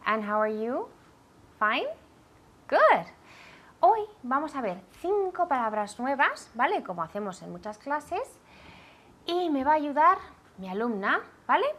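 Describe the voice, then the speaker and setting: A woman runs a language lesson at an unhurried pace. Her voice sits a bit high and moves up and down a great deal as she drills each sound. She checks in with her student again and again. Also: sing-song, fairly bright tone. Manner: clear, drilling pronunciation with frequent checks. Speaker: English teacher.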